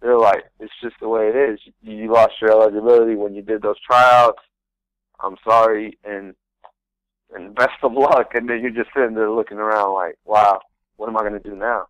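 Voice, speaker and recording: Young man, low voice, earnest, rambling, restarts sentences, dry close radio studio sound. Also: steady tone, moderate pace, no room sound, poor audio. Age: young adult. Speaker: guest, pro soccer rookie. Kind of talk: casual interview storytelling.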